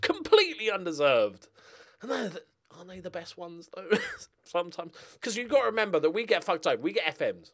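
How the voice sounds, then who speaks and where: A middle-aged man streams a football manager game, chatting casually and cursing as he talks to his team and his viewers. He's brisk and sing-song, his voice sitting high with a fairly bright tone, and he's recorded on a close desk microphone.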